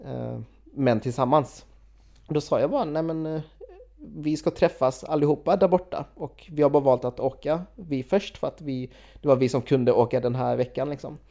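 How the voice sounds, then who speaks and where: Young woman, conversational storyteller, animated, quotes others, filler-heavy delivery. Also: a bass voice. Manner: animated retelling with quoted voices and frequent fillers. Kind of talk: casual chat, storytelling.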